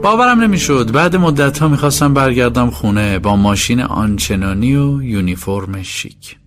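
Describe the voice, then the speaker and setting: Man narrating a lively audiobook. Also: medium pitch, over music.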